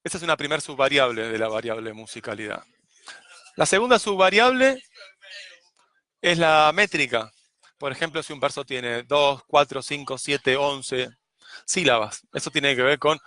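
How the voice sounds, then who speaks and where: A man teaching poetics, explaining in a measured way and tapping out rhythms with spoken syllables. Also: fairly high pitch, big pitch swings, sharp tone, no echo. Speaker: poetry teacher.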